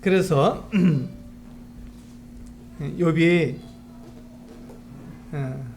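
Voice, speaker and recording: A man's voice: on the high side, extremely slow, a little mellow, a little hiss or hum. A male pastor preaching a sermon, explaining earnestly and asking rhetorical questions.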